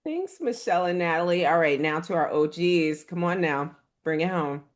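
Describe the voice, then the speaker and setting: A woman's voice: fairly low pitch, lively intonation, normal speed. A woman hosting a panel chat, encouraging the guests and affirming them as they speak. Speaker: panel host.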